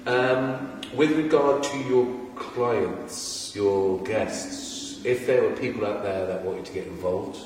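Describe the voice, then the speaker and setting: The English podcast host here speaks slowly with few pauses, his voice on the low side and a little mellow. He's rambling and eager in a casual interview, frequently restarting sentences, recorded far from the mic in an echoey room with slight background noise.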